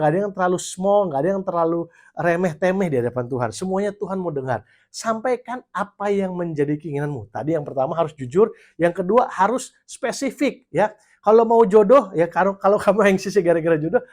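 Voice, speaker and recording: A man's voice: high-pitched, darkish tone. A man giving a casual, conversational sermon to young people, slipping English phrases in between. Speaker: youth pastor.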